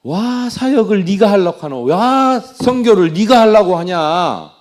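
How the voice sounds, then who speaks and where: A man voicing a blunt, gruff Lord who scolds in rough Gyeongsang dialect. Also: high voice, lively intonation, measured pace, pitched above the performer's own voice. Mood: scolding. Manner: loud rough dialect rebuke.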